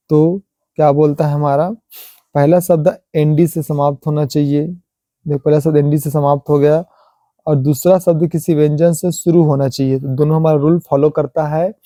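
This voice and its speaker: A man teaching English pronunciation in Hindi, explaining rules slowly, repeating each example word, and slipping in simple English sentences. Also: a little high, mellow, no room sound.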